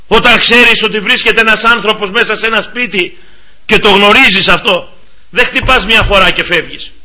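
High, piercing male preacher exhorting. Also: sharp tone. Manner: earnest, exhorting, addressing the listener directly. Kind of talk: sermon.

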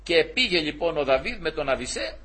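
A man's voice: a little high, big pitch swings, a bit bright, husky. A man preaching, retelling a scripture story in a conversational way with restarts and self-corrections. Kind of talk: sermon retelling a Bible story.

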